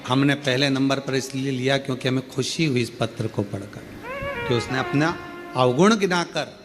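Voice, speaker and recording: A male preacher from India giving a devotional sermon to a live crowd, repeating phrases for rhythm and stretching key words into high, drawn-out peaks. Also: music in the background. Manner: reads a devotee's letter aloud between remarks. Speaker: preacher telling a Shiva Purana katha.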